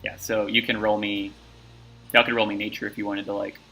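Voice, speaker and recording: A man's voice: lowish voice, little pitch movement, a little fast, pushed and bright, a little hiss or hum, poor audio. A man narrating a tabletop game as game master, talking loosely with lots of fillers and restarts.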